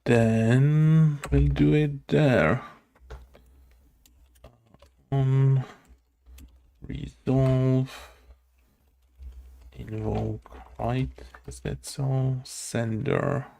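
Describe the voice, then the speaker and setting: A slow, gravelly male voice sits in the mid-range, mellow and fairly even in intonation. He's a game developer coding on stream, thinking aloud in a hesitant mutter packed with fillers and questions to himself. Keyboard typing and clicking run underneath.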